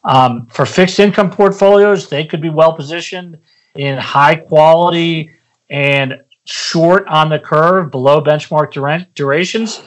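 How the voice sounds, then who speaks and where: Male analyst guest, somewhat higher pitch, measured explanatory interview delivery with hesitations. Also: poor audio. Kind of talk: podcast interview commentary.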